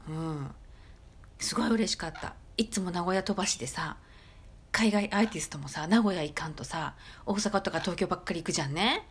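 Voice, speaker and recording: A woman from Nagoya with a Nagoya accent, chatting casually on her own podcast with lots of soft fillers. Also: on the low side, fairly quick, breathy edge. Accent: Nagoya dialect. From Nagoya, Japan. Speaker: podcast host. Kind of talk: casual solo chat.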